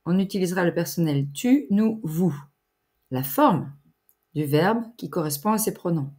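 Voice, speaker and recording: A woman teaching grammar in a clear, deliberate lesson voice, pausing for exercises. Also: on the low side, expressive, warm tone. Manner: deliberate, articulated teacher's delivery with pauses for exercises. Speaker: French teacher.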